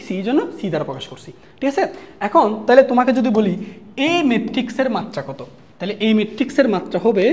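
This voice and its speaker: A woman with a Bangladeshi Bengali accent leads an online math lesson at a rapid clip, her voice sitting a little high. She poses questions to the class and answers them herself, checking again and again that everyone is following. She repeats the key terms as she dictates notes. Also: a little mellow. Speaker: math teacher. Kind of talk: online math lecture for exam students.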